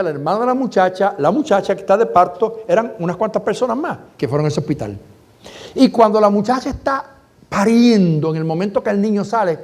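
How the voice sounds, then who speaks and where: A man's voice: high-pitched, a little mellow. A middle-aged man, a pastor, telling an emotional testimony in a sermon and addressing his congregation directly.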